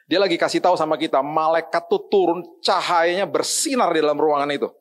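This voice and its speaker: A man's voice: on the high side, fast. A middle-aged man, a pastor, preaching a sermon and telling a family story, sometimes slipping into English phrases and acting out the people he quotes.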